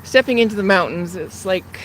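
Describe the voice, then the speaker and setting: This host, a Canadian woman in her fifties, talks to viewers on a phone livestream as she walks past city traffic and train tracks. Animated and a little fast, her medium-pitched, fairly bright voice rambles chattily and sounds slightly winded, with poor audio and outdoor traffic noise.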